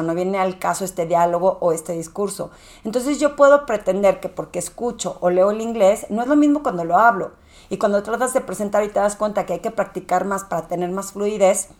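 A woman with a Mexican accent, a public speaking coach talking in a casual, conversational monologue with frequent "eh" fillers. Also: medium pitch.

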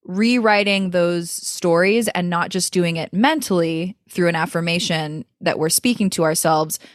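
A woman voice coach, a guest in an interview, talks reflectively in a lowish, unhurried voice, her speech thoughtful and flowing with frequent "like" and "you know" fillers. The recording is dry with clean studio sound.

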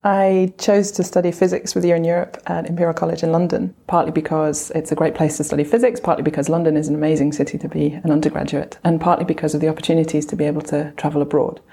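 Brief: physicist woman from Belgium, low gravelly voice, fast earnest telling with fillers. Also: level tone, warm tone. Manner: quick, earnest, with frequent fillers. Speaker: physicist interviewee. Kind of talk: reflective career interview.

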